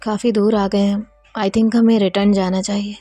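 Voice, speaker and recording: A woman's voice: medium pitch, flat delivery, normal speed, mellow, faint music behind, natural voice. A woman voicing a playful, cheeky young woman who teases her friends. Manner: teasing, joking.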